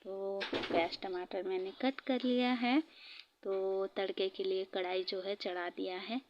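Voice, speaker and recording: A woman's voice: medium pitch, steady tone, measured pace, dull audio, background noise. A woman vlogger narrating her day in a chatty, rambling voice-over, laughing often. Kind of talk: casual voice-over vlog narration.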